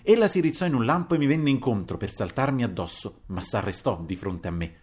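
A man narrating a novel as an audiobook, in an expressive, dramatic reading. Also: mid-range voice, brisk, breathy edge. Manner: expressive, dramatic reading with wide swings in loudness.

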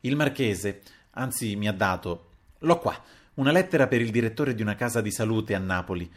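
A man reading aloud, voicing a distraught scheming man who pleads in halting, broken phrases while near tears. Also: mid-range voice, lightly acted. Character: distraught scheming man, weeping, self-pitying.

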